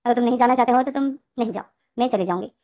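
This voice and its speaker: Lady voicing a soft-spoken mom, quiet and kind, quick talker. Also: a little high, no room sound, studio quality, natural voice. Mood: gentle. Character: gentle, soft-spoken middle-aged mother.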